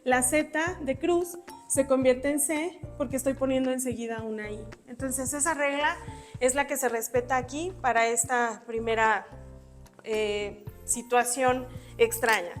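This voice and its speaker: A woman's voice: high-pitched, steady tone, measured pace, soft background music. A woman giving an exam-prep spelling lesson, patiently explaining rules step by step with examples while writing on a board. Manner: writes on a board while talking. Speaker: spelling teacher.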